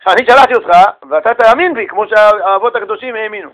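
A man with a high, bright speaking voice leads a religious text class. He peppers the room with rhetorical questions and snaps out the answers himself, swinging his delivery up and down to drive each point home. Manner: animated, questions the class and answers in quick bursts. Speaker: rabbi teaching a Torah class. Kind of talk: lively lecture with rhetorical questions.

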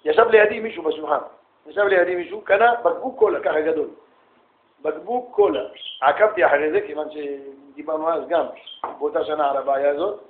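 A man giving a humorous talk to yeshiva students, animated and acting out exchanges in quick bursts. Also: on the high side. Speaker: yeshiva lecturer. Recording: echoey room, tinny phone-like sound.

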